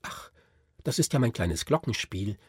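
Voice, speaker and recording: A man's voice: lowish voice, expressive, moderate pace, darkish tone, breathy edge, no echo, clean studio sound. A man doing an emotional young girl. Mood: delighted. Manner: emotional, exclaiming.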